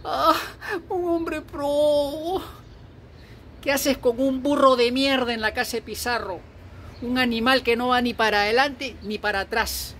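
A man's voice: extremely high pitch, fairly even intonation, moderate pace, sharp tone, slight background noise. A Peruvian man in his fifties with a Peruvian accent, delivering an angry political rant full of swearing and blunt scolding. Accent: Peruvian Spanish. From Peru. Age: 50s. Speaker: political vlogger.

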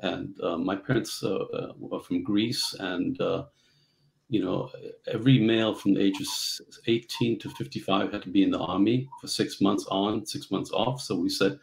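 A middle-aged man from Central Africa, telling his story as a guest on a video call, halting with many fillers. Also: sits low, steady tone, creaky, poor audio. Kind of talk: casual interview storytelling. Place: home office.

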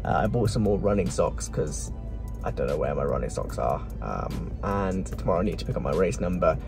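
A man vlogging casually at night, chatting quickly and rambling a bit while recording himself on his phone. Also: low voice, expressive, vocal fry, music in the background. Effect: phone video recording. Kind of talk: casual vlog to camera.

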